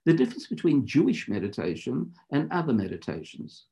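Dark-voiced, gravelly man teaching meditation. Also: mid-range voice, sing-song. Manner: deliberate, instructive, speaking in short measured phrases. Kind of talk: spiritual lecture turning into guided meditation instruction.

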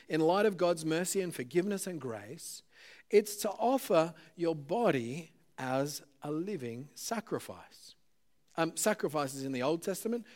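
A man delivers a sermon in a casual, self-deprecating way. His voice sits slightly high, and he keeps it conversational, dotted with "um"s. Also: a little mellow. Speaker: preacher.

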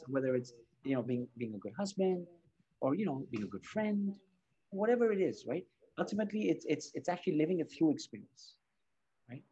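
A man's voice: fairly high pitch, mellow, muffled recording. A man from Spain, a coach and podcast guest, talking earnestly and reflectively, often repeating words and adding "right?" and "you know".

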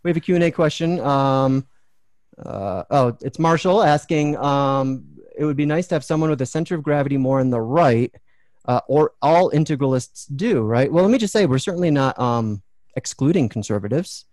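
A man's voice: mid-range voice, lively intonation, moderate pace, a little mellow, no echo. Thoughtful male host, dry close sound. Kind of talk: casual discussion on a video call.

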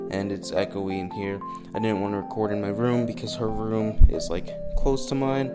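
Low-voiced young American man in echoey garage. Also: darkish tone. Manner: rambling, self-deprecating, sweary. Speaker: podcast host. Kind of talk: casual solo podcast chat. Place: indoors in a garage. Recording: echoey garage room sound, breath pops.

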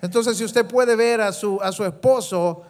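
Man, high voice, live sermon interpreter, hesitant restarts. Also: a little mellow, faint music behind. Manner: quick rendering with hesitations and self-corrections.

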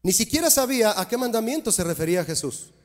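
A man's voice: high-pitched, big pitch swings, fast talker. Pastor guy preaching, punchy and emphatic, lots of questions to the crowd, echoey church hall. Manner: emphatic, rhetorical questions to the congregation. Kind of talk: sermon. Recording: long hall reverb.

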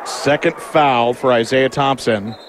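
A man's voice: medium pitch, steady tone, slow, crowd noise. A man giving live play-by-play commentary on a basketball game. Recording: clear background noise of the game.

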